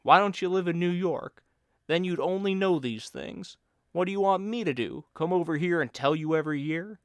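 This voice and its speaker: A man reading a story takes on the voice of a lazy, wisecracking friend who needles his companion and mock-lectures him in a bantering, bossy way. This character's voice sits higher and far louder than the narration, smooth and resonant, at normal speed. The recording is dry and close, with no echo.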